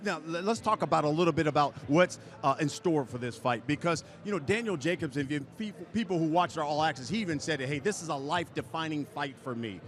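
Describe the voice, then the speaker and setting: A man's voice: fairly high pitch, animated, fast, hardly any pauses. An American man hosting a live boxing broadcast in a presenter's style. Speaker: sports broadcast host. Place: large arena atrium.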